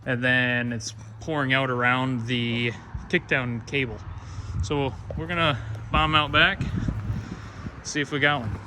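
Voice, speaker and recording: A man with a Wisconsin accent, talking in a laid-back, bantering way as he tours parts vehicles. His voice sits at an ordinary pitch. The outdoor recording carries plenty of background noise. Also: steady tone, measured pace, sharp tone. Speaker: auto shop vlogger. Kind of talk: casual walkaround chat. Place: outdoor junkyard lot.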